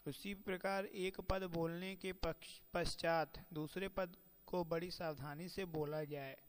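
Man lecturing slowly in a reverberant room. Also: high-pitched, steady tone. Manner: measured, slows to chant quoted verses. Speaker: teacher. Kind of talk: lecture on Sanskrit pronunciation.

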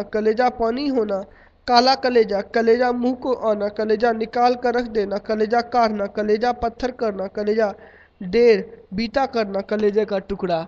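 A man reading out a long list of idioms in a steady, list-like cadence, like a lesson. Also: extremely high pitch. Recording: dull lo-fi recording.

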